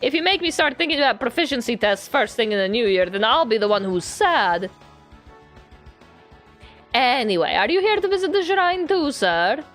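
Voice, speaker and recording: A woman voices a cheerful young female student in a visual novel. She is friendly and blunt, with a fairly high, bubbly delivery. Music plays behind her. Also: very animated, moderate pace, a bit bright. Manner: bubbly, teasing, polite. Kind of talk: visual novel character reading.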